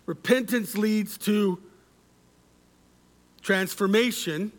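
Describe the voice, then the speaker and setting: High-voiced male pastor, slow sermon. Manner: interactive preaching, asks the congregation for responses; measured, repeats key words for emphasis.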